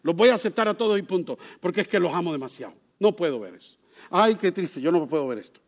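Soft, doting, sighing God figure, put on by a male preacher, raised pitch. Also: lively intonation, quick pace, in a large hall. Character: soft, doting lenient God as some imagine him.

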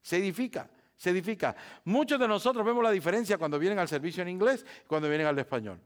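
A man preaching a sermon as pastor in a church, repeating phrases and asking the congregation rhetorical questions, swinging from quiet talk up to loud, emphatic passages. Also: high voice, expressive, fast.

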